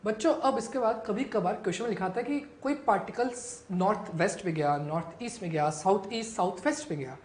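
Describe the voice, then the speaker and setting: A woman's voice: mid-range voice, expressive, brisk, hardly any pauses, darkish tone, reverberant. A woman teaching a physics lesson to students, asking questions and answering them herself.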